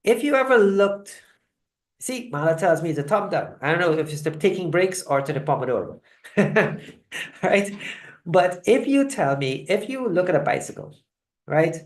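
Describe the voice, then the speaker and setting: A woman from Guyana hosting a live online wellness session. She speaks in a conversational, halting way and often checks in with "right?". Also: on the low side, very animated. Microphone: video call mic.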